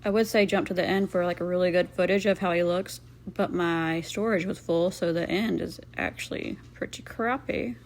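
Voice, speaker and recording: A woman's voice: lowish voice, fairly even intonation, normal speed, few pauses. A woman giving casual, rambling craft voice-over commentary as host, playfully sarcastic and self-deprecating.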